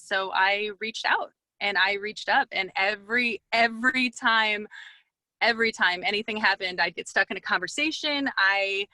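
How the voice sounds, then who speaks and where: Chatty woman guest, bright and upbeat, speaking from her parked car into headphones with a dry close sound. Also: medium pitch, no echo, poor audio. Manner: upbeat, chatty with frequent ums. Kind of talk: casual online talk.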